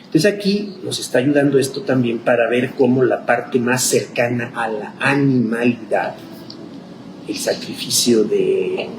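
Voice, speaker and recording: A man's voice: mid-range voice, a little slow. A man, a pastor teaching a Bible class in a conversational lecture style, thinking aloud and checking in with his listeners. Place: church classroom. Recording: echoey room with clear background noise.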